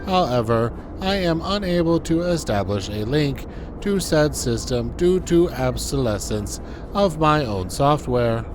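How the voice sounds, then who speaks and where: A man putting on a robot voice for a dutiful male control terminal, speaking in clipped monotone announcements. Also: medium pitch, measured pace, over music. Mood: robotic. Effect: robot voice done by mouth, no filter. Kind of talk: voicing game dialogue while playing.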